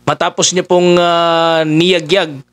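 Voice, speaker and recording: A man's voice: on the high side, flat delivery, slow pace, fairly bright tone, smooth, no echo. A man giving casual political commentary, talking conversationally with many fillers as he addresses his listeners.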